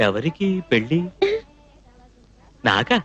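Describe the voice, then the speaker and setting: Fussy naive young cook, rapid scolding chatter, bright lively voice, dry sound. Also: male voice, medium pitch, muffled recording, heavily acted. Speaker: dubbed film comic lead. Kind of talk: dubbed film dialogue.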